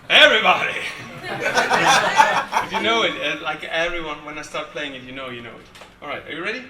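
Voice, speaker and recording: A man's voice: fairly high pitch, far from the mic, noisy background. A man, chatting playfully with the crowd between songs at a live gig. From Iceland. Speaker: singer-songwriter on stage. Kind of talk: between-song stage banter. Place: live music venue. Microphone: handheld recorder in the audience. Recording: roomy venue recorded from the audience. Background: instrument music.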